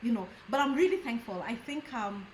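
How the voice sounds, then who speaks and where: A woman pastor hosting a casual chat, speaking earnestly and gratefully with frequent pauses and fillers. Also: a little high, lively intonation, darkish tone, a little hiss or hum. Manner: earnest, thankful, hesitant with fillers. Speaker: pastor and host. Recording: echoey room.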